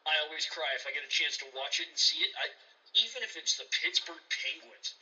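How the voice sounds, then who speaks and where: A high, very bright male voice preaching about sportsmanship with plenty of swearing and heavy emphasis. He sounds a little far from the mic, with a slightly dull, muffled tone. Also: sing-song, fairly quick. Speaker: podcast co-host. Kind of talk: profane sports rant.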